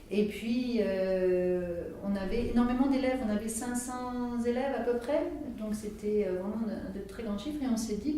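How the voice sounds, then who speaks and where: A woman's voice: medium pitch, warm tone. A middle-aged woman from France answering interview questions hesitantly, with many restarts and fillers. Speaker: researcher being interviewed. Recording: echoey room, distant mic, faint noise.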